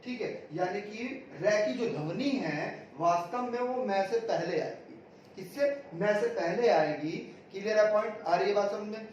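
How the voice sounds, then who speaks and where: A man's voice: sits high, moderate pace, a little mellow, slight background noise. A man teaching an exam-prep grammar lesson, drilling students with repeated questions and answers. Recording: echoey room, distant mic, dull sound.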